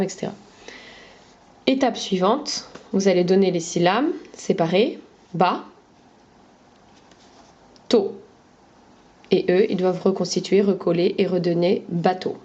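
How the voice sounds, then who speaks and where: A woman teacher explains a lesson in a clear, methodical way, walking through each step as if showing it with her hands. Her voice is mellow and relaxed. The recording is somewhat dull and lo-fi. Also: medium pitch. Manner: clear, methodical, demonstrating with hand gestures. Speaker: teacher explaining phonics games to parents.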